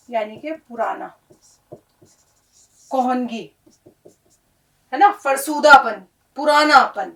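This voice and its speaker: A woman's voice: high-pitched, fairly bright tone, far from the mic, rough recording. A woman teaching Urdu pronunciation, patiently explaining each word and checking in with her listeners.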